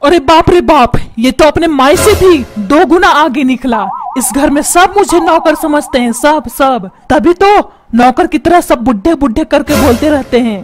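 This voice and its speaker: एक महिला कार्टून में चिड़चिड़े, चिल्लाने वाले अधेड़ पिता की आवाज़ दे रही है, जो डांटता है और ताने मारता है।. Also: female voice, high-pitched, moderate pace, hardly any pauses, soft background music, close to an everyday voice. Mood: scolding. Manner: shouts and scolds, calls names. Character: grumpy shouting cartoon father, middle-aged man. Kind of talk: comedy cartoon dubbing.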